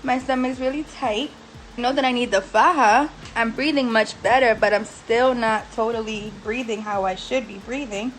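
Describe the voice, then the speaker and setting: In a low-quality clip with a faint hiss or hum, a young woman with a fairly high voice talks at a normal pace. She's in a recovery house bedroom after surgery, exasperated and frustrated, swearing as she bluntly complains to camera about how she's being cared for.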